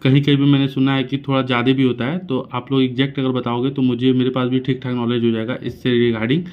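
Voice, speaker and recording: A man's voice: medium pitch, little pitch movement, fast. A young man from India hosting a tech channel, talking viewers through measurements and a bill calculation step by step in a casual explainer style, recorded in a room at home. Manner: addresses viewers directly, explains numbers step by step. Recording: slightly dull with faint noise.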